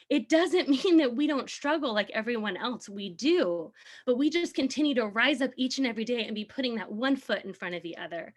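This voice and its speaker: A woman in her thirties gives a motivational talk to her team. Her voice sits a little high, and she speaks in an earnest, encouraging way. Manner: earnest, encouraging, sometimes laughing. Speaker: team leader.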